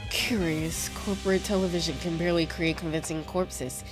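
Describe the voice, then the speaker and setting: A woman voicing a brooding young man with a notebook in a game, speaking in a measured, formal, quiet way. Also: lowish voice, fairly even intonation, music in the background, lightly acted. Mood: musing.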